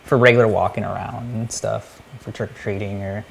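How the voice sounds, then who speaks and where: A man co-hosting a casual electronics show, low-key and often trailing off mid-sentence. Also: little pitch movement, fairly quick, creaky, a little hiss or hum. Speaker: co-host. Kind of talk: casual live show chat.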